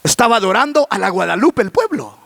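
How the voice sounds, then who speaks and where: A male pastor preaches a sermon, asking the congregation rhetorical questions and breaking into shouts. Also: sits high, sing-song, fast, creaky, no echo.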